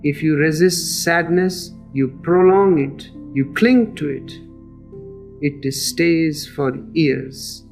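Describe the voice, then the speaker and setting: A man giving a spiritual discourse in a slow, measured and emphatic way. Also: on the high side, darkish tone. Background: faint guitar music.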